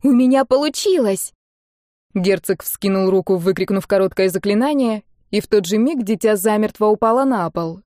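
A woman reading a fantasy audiobook in a steady, measured storytelling voice. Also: medium pitch, dry recording, clean studio sound. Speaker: audiobook narrator. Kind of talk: dramatic fantasy narration.

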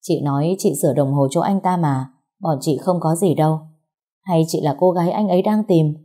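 In a deep, warm voice at a moderate pace, a woman plays a pregnant young woman in tears, begging her older sister. She sobs as she pleads.

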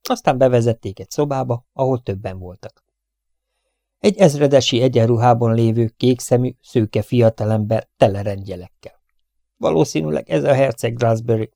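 A man's voice: medium pitch, gravelly, warm tone, no echo. Man reading an audiobook, dry and close. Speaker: audiobook reader. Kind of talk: scripted narration.

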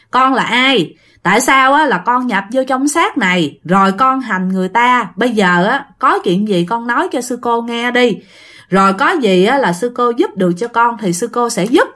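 Woman playing a calm coaxing nun. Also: fairly high pitch. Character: calm Buddhist nun questioning a spirit.

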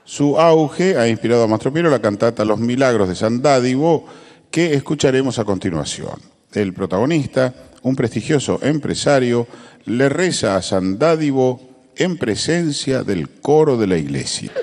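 A man's voice: medium pitch, expressive, normal speed, darkish tone, natural voice. An actor playing a pedantic male pronunciation expert who lectures in mock-learned tones in a live comedy sketch. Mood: announcing. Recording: live stage recording with long reverb and hiss.

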